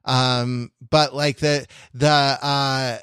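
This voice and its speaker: A podcast co-host speaks very slowly in a smooth, mid-range, slightly bright voice with little pitch movement. He analyzes classic television by thinking aloud, often repeating and rephrasing while searching for words. The studio sound is clean, with no echo.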